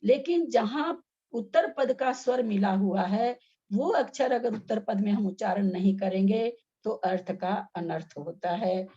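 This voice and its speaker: A woman's voice: mid-range voice, a little slow, dark tone, husky, dull audio. A woman teaching Sanskrit pronunciation in an online class, patient and step by step, with repeated examples.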